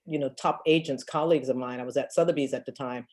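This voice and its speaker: With an extremely low, slightly mellow voice, a woman speaks quickly in a steady tone. She is a real estate agent in her fifties answering questions in a casual Q&A, telling emphatic stories and laughing often.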